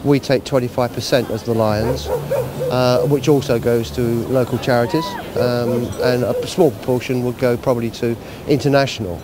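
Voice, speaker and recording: A man who organises a charity event, explaining it informally and in a measured way in an outdoor interview. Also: medium pitch, fairly even intonation, over a noisy crowd. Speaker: Lions club event organiser. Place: outdoors at a seafront. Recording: outdoor street and traffic noise.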